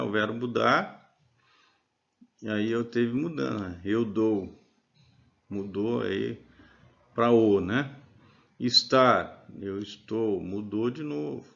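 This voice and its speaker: A man's voice: mid-range voice, gravelly, a bit bright, dull audio. A man teaching a grammar lesson over slides, explaining patiently and often checking that listeners follow.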